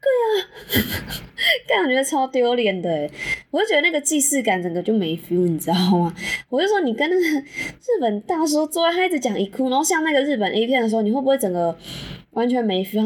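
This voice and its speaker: A woman's voice: on the high side, a little mellow, slight background noise. A young adult woman with a Taiwanese Mandarin accent hosting a solo podcast, telling a story in a frank, chatty way, swearing casually and laughing often. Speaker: podcast host.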